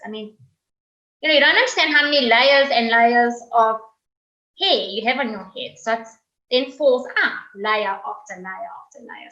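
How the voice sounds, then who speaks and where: A woman's voice: a little high, bright, forceful tone, reverberant, muffled recording. A woman giving a candid personal testimony on a video call, telling her story conversationally and acting out what people said to her. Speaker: guest speaker, cancer survivor.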